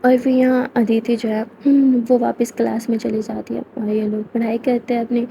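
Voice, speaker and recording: A woman narrating a romance story in a calm, even storytelling voice. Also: fairly high pitch, normal speed, creaky, slight background noise, rough recording.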